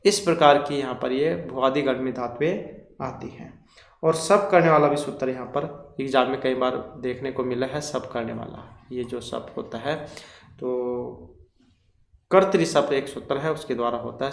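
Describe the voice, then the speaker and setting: A man's voice: mid-range voice, fairly even intonation, a little slow, gravelly, echoey room. A man teaching an exam-prep grammar lesson, explaining each question step by step and reeling off lists of terms.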